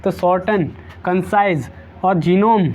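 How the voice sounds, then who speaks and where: A man's voice: sits high, slow, a little mellow, a little hiss or hum. A man teaching an exam-prep vocabulary lesson, repeating each word several times and using playful memory tricks.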